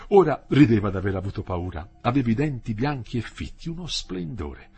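A man reading a novel aloud in a measured, expressive storytelling manner. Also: medium pitch, slightly rough. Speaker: audiobook narrator. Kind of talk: literary audiobook reading.

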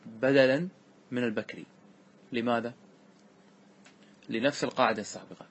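A man's voice: mid-range voice, a little hiss or hum. A man teaching a classical grammar lesson as sheikh, who keeps asking his class questions, answers them himself and patiently repeats each rule.

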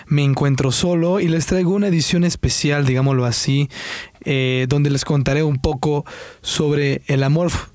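A man's voice: a little high, steady tone, moderate pace, a little mellow, dry recording, studio quality. Young Salvadoran man hosting a sports talk show. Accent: Salvadoran Spanish. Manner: casual and chatty, with many fillers and restarts.

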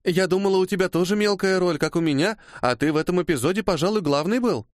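A man's voice: high-pitched, fast, no room sound, studio quality, voice pushed up, natural voice. A man voicing a friendly, cheerful young woman chatting after a film shoot.

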